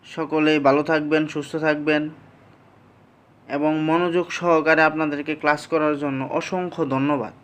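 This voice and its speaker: A teacher giving a slow, patient language lesson, explaining each sound step by step and repeating it back to the class. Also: medium pitch, flat delivery, fairly bright tone, clear, resonant tone.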